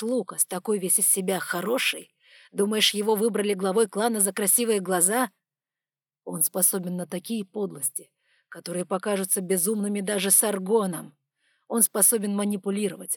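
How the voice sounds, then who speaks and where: A woman voicing a stern, controlled male dragon who speaks measured and through clenched teeth, in an audiobook. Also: mid-range voice, no room sound, clean studio sound, natural voice.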